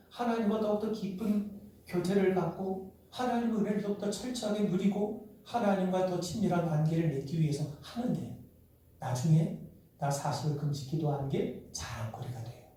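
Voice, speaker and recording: A man's voice: sits high, mellow. A middle-aged male pastor preaching a sermon, asking the congregation rhetorical questions and acting out the voices in the stories he tells. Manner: acts out quoted voices in dialogue. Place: church sanctuary. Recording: echoey church from far off.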